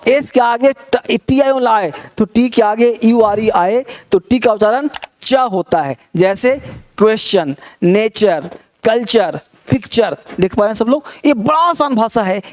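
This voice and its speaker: A man teaching an online spoken-English lesson, reading word lists aloud and asking the class rhetorical questions to check they follow. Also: sits high. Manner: encouraging, repeats key points.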